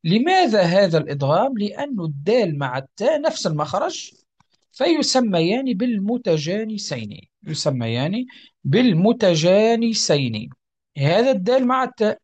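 A teacher explains tajweed rules in a lively voice that rises and falls a lot. The delivery is patient and repetitive, with frequent checks that students understand. Examples are recited slowly and deliberately. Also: medium pitch.

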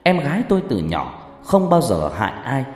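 A man's voice: mid-range voice, wildly swooping pitch, moderate pace, darkish tone. A man voicing a terrified young woman who pleads and stammers. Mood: panicked pleading. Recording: reverberant hall with background music.

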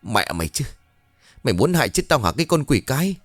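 A man's voice: animated, fairly quick, no room sound, faint music behind. A man voicing a cruel, abusive pregnant stepmother who scolds harshly. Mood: furious. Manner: harsh scolding, shrill shouting.

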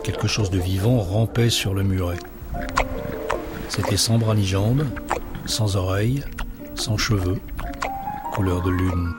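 Man telling a kids bedtime story, calm and measured, music behind. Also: deep voice. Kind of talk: children's bedtime story reading.

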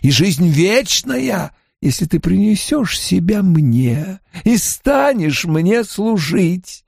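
A man playing a cruel dark lord in an audiobook, commanding and menacing, drawing out his words to tempt his prey. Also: sits high, sing-song, slow, creaky, husky, no room sound, clean studio sound, pitched above the performer's own voice, exaggerated voice. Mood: grandiose, seductive. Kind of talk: dramatic audiobook character voice.

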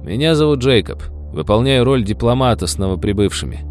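A man voicing a calm middle-aged settler who explains things in a measured way. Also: medium pitch, faint music behind, pitched above the performer's own voice, lightly acted.

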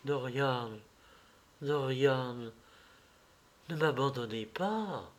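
A man voicing a heartbroken young actress who pleads with her lover in a soft, tearful voice, in a read-aloud novel. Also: high-pitched, unhurried, voice pushed up. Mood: tearful pleading.

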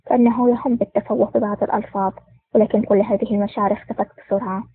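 Fast-reading woman audiobook narrator. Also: on the high side, slightly rough, no echo. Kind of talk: scripted narration. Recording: tinny phone-like dry recording.

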